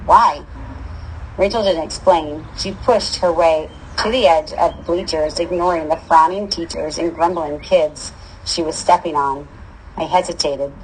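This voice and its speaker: A woman's voice: sits low, fairly even intonation, moderate pace, a little hiss or hum, poor audio. A woman reading a first-person story aloud in a casual, wry manner. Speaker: audiobook reader.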